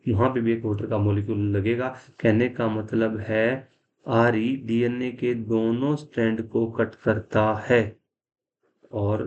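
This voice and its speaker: A man's voice: medium pitch, a little mellow. A man teaching a biology class. He explains step by step, asks questions and answers them himself, and mixes English science terms into his speech. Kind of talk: classroom lecture.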